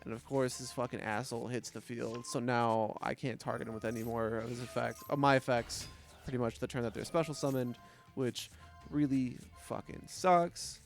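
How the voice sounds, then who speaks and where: A man's voice: mid-range voice, fairly even intonation, moderate pace, vocal fry, soft background music. Foul-mouthed man trash-talking over gameplay. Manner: profane, trash-talking, laughs often. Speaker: gaming commentator. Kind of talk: casual gameplay commentary.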